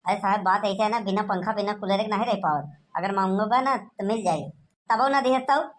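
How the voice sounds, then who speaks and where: A woman's voice: mid-range voice, moderate pace, slight background noise, natural voice. A woman voicing a lazy, scheming village man in a cartoon, whiny and pleading, with an Awadhi accent. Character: lazy, scheming village man dodging his electricity bill. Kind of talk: cartoon voice acting.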